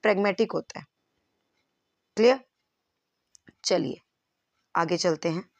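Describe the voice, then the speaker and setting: A woman's voice: on the low side, slow, no room sound, lo-fi sound. A woman teacher giving an exam-prep lesson, explaining terms step by step and checking if the class follows.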